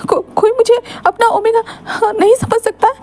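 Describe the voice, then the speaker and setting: A woman's voice: sits high, fairly even intonation, brisk, dark tone, close to an everyday voice. A woman voicing a heartbroken young man who cries and stammers while pleading to be loved. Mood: sobbing. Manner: sobbing, stammering, repeating words. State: crying.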